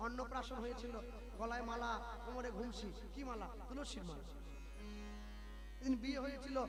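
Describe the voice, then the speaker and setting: High-voiced man preaching and chanting kirtan. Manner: exhorting, leads loud call-and-response chants. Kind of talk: devotional kirtan sermon with chanting. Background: loud devotional music accompaniment.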